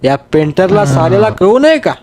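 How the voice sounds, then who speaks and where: Man doing a sly workman, high raised voice, coaxing, complaining, storybook reading. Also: sing-song, moderate pace, a little mellow, slight background noise. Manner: coaxing, complaining, calls everyone sir. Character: lazy cross-eyed male laborer, wheedling and sly.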